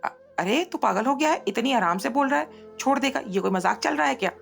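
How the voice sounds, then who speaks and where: Brief: old grandma, fond and protective, higher voice, gravelly, read by a woman. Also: animated, a little fast, soft background music. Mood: reassuring. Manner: doting and soothing.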